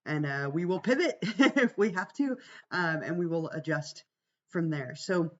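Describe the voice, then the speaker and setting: A woman instructor with a gravelly voice, worn by a cold and a week of talking, giving an informal, reassuring class orientation on a livestream. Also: lowish voice, lively intonation, unhurried, muffled recording. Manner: reassuring, conversational. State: fighting a cold, voice strained from much talking. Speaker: college psychology instructor.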